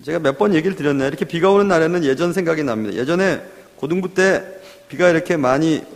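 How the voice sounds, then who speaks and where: Male preacher, fairly high voice, lively sermon delivery with acted-out quotes, long reverb. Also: quick pace. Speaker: pastor.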